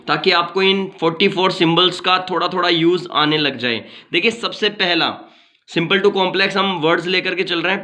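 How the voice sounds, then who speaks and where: A man's voice: fairly high pitch, sharp tone. A man teaching a phonetics lesson, explaining step by step, repeating words for practice and mixing in English phrases.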